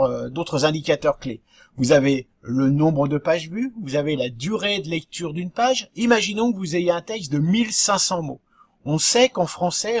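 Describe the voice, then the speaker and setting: A man's voice: fairly high pitch, breathy edge, no room sound, studio quality. A man giving a lesson on web marketing, talking straight to viewers and asking rhetorical questions. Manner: didactic, addresses viewers directly with rhetorical questions. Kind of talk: explanatory video talk.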